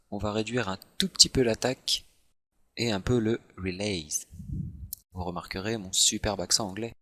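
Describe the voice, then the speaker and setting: A man calmly walking through software steps in a screen-recorded tutorial, with self-mocking asides. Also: on the low side. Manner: relaxed step-by-step explaining, self-mocking asides. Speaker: tutorial host.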